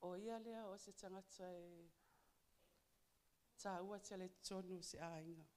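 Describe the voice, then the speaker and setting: A woman from Samoa with a Samoan accent gives a heartfelt, halting church testimony for Mother's Day, moving between languages. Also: on the low side, fairly even intonation, darkish tone. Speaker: church member giving a testimony.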